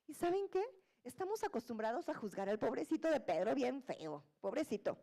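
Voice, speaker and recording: A woman preaching a sermon, telling the story in a lively, colloquial and humorous way and acting out the voices of the disciples. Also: on the high side, fairly quick, vocal fry.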